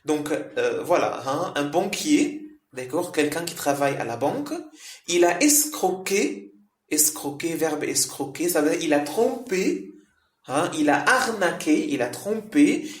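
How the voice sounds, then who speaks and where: A man with a fairly high voice walks learners through vocabulary one word at a time, rephrasing each term and dropping in frequent fillers. The recording rings with the echo of a bare room. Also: lively intonation. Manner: slow, repetitive explaining with frequent "hein" and "euh". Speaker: French teacher.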